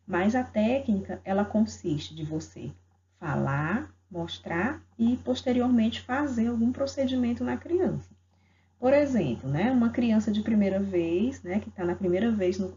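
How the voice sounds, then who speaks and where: Woman with a mellow voice, explaining calmly. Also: medium pitch. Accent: Brazilian Portuguese. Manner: explanatory, frequent tag questions. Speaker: pediatric dentistry lecturer. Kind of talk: explaining an exam question. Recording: dull lo-fi audio, faint background noise.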